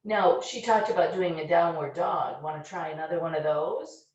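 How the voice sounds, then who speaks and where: A woman leading a children's yoga class, giving gentle, encouraging step-by-step instructions. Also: low-pitched, normal speed. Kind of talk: guiding a kids' yoga class. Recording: distant, very echoey, dull-sounding room recording.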